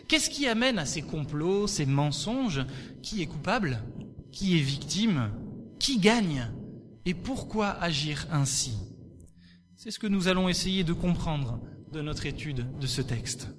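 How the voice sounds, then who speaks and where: A man reading a Bible passage aloud and then teaching on it, in an expressive and measured way, asking questions of his listeners. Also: sits high, slight background noise.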